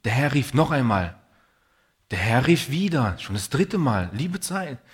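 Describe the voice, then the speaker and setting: A man's voice: mid-range voice, very animated, unhurried, slightly rough. A man preaching a sermon in an earnest, personal way, telling stories and reading Bible passages.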